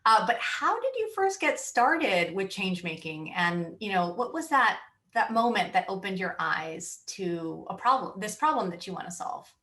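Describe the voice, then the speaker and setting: Moderator: woman with mid-pitched voice, upbeat, leads the panel. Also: big pitch swings, moderate pace, a bit bright. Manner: upbeat, introduces speakers. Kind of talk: online panel discussion.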